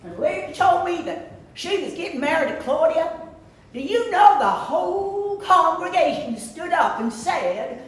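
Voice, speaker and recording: A woman voicing a jovial Southern man, the bride's brother, with a put-on drawl and a folksy, booming manner. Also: expressive, a little slow. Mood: jubilant. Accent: American Southern, put on. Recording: echoey hall from far off.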